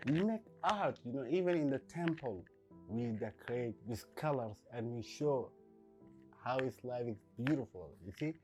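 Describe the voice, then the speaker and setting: A man from Sudan, a painter talking in a documentary interview, reflective and halting, with many fillers. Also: medium pitch, animated, dark tone, faint music behind, poor audio.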